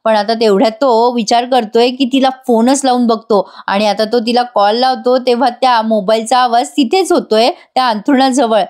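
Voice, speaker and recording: A woman retelling a TV serial episode in a chatty, lively recap. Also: on the high side, moderate pace, hardly any pauses. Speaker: TV serial reviewer. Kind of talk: casual episode recap narration.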